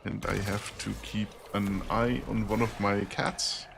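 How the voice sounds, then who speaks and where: A young man streaming a game, rambling casually with lots of pauses and fillers. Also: fairly low pitch, little pitch movement, gravelly, background noise. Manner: rambling, soft-spoken, with many pauses and fillers. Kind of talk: casual streaming chat while gaming.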